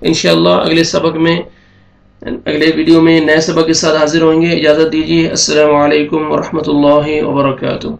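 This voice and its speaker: A man's voice: on the high side, completely flat delivery, gravelly, reverberant. A man teaching Quran recitation rules, explaining each sound patiently step by step. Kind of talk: tajweed lesson.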